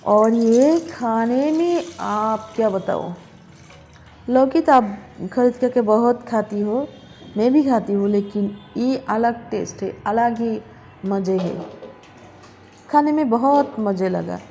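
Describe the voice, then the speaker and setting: A middle-aged woman chatting casually in her home kitchen as she cooks, speaking slowly and deliberately with pauses. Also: on the high side, mellow, a little hiss or hum. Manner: slow, deliberate talk with pauses. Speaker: cooking vlogger. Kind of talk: casual cooking vlog chat.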